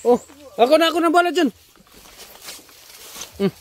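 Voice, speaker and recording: A man, talking loud and urgently outdoors while trying to calm others down. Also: extremely high pitch, moderate pace, a loud crowd.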